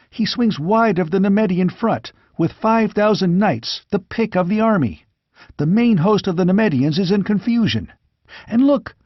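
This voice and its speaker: A man reading a storybook aloud voices a young squire who shouts out a battle as it happens, his voice high and breathless. The squire's delivery is frantic and urgent, pitched well above the reader's natural voice. The recording is dry and close, with a dull, lo-fi sound.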